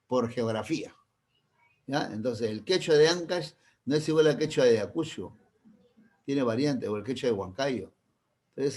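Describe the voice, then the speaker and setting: A man's voice: medium pitch, a little mellow. A male teacher with a Peruvian accent, giving a classroom lecture, often checking in with his students and explaining through everyday examples. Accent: Peruvian Spanish.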